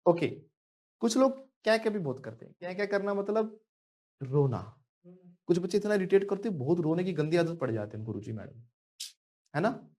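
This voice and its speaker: Male spoken-English teacher from India, pitched a bit high, joking with his class and having students repeat phrases. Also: big pitch swings, a little fast, long pauses, warm tone. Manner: playful and joking, calls on students by name, prompts repetition. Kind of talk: live classroom teaching, mixing Hindi and English drills.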